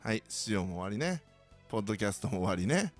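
A man's voice: fairly low pitch, quick pace, soft background music. A man with a Kansai accent, hosting a podcast and telling joking stories in a casual way. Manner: animated, joking, mimics others' voices. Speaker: podcast host. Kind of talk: casual solo storytelling.

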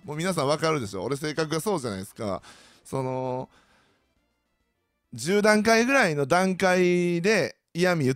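A man's voice: medium pitch, no room sound. A man with a Kansai accent hosting a casual monologue, ranting sardonically as he tells his stories to the listeners. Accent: Kansai Japanese. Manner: ranting, sardonic, animated storytelling. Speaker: host.

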